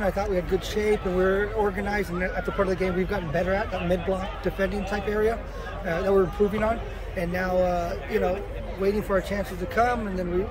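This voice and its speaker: A male soccer coach with a high voice fields postgame press conference questions outdoors at the stadium, crowd noise audible in the background. His manner is casual, with repeated words and plenty of "you know" fillers.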